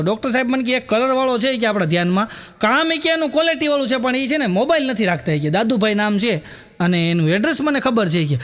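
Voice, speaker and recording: A middle-aged man with a Gujarati accent, his voice sitting high for a man, works through a string of comic anecdotes. He laughs along with his own stories and acts out the quoted lines himself. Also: a bit bright. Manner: storytelling with acted quotes and frequent chuckles. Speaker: stand-up comedian. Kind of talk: Gujarati joke telling.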